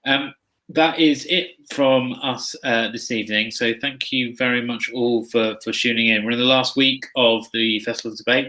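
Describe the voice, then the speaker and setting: A man's voice: lowish voice, sharp tone, low-quality recording. A man hosting and moderating a live-streamed panel, polite and hesitant, with many fillers and repeats. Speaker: event host and moderator.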